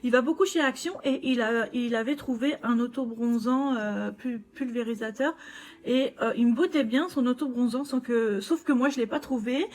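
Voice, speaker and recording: A woman's voice: on the high side, normal speed, darkish tone. A woman chatting casually to camera about her shopping haul, full of fillers and restarts. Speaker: vlogger showing shopping haul. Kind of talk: casual chat.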